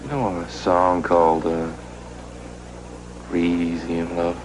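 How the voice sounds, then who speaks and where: An actor playing a friendly grown son in a television soap opera, casual, sincere and a little hesitant. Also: male voice, sits low, level tone, slow pace, background noise. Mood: friendly, curious. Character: friendly grown son, back at his family home. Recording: clear background music under dialogue.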